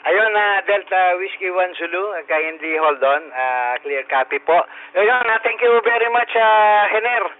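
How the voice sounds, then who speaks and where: A man's voice: high voice, animated. Older Filipino man over two-way radio. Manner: halting, frequent "ah" fillers, spells call signs phonetically. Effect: two-way radio transmission. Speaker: net control operator of an amateur radio roll call. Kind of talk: radio net roll call in mixed Tagalog and English. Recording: narrow two-way radio band.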